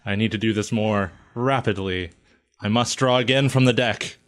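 A man's voice: on the low side, normal speed. A man playing a tabletop game, talking casually with playful, mock-grand lines. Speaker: player.

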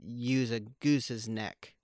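A man's voice: mid-range voice, steady tone, drawn-out words, darkish tone, no room sound, clean studio sound. A man co-hosting a podcast, chatting casually and joking about films while rambling with many fillers and restarts. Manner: joking, wry. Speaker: podcast co-host. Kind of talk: casual conversational film chat.

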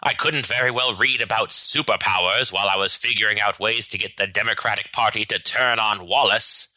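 Man playing a smug, menacing, sharp-voiced villain president. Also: on the low side, dry recording, rough recording. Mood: dismissive, scheming. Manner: slow theatrical menace, smug and pompous. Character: scheming, vain, power-hungry male American president as villain. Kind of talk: scripted satirical sketch acting.

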